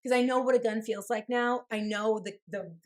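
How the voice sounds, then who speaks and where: A woman in her thirties, co-hosting a podcast, telling stories in a lively casual way with swearing and laughs. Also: fairly high pitch, moderate pace. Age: 30s. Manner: animated storytelling, swearing and laughing. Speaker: podcast co-host. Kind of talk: casual chat.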